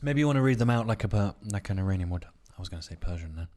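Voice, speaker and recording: A man's voice: fairly low pitch, animated, racing, warm tone. A man co-hosting a podcast in the middle of the night, sleepy and trading jokes in casual banter. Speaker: podcast co-host. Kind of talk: casual late-night chat.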